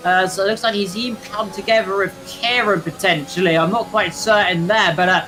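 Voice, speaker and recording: Young man, sim racing commentator, excitable, bright voice. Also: high voice, fairly quick, faint music behind. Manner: excitable, shouts at incidents, chatty. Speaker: race commentator.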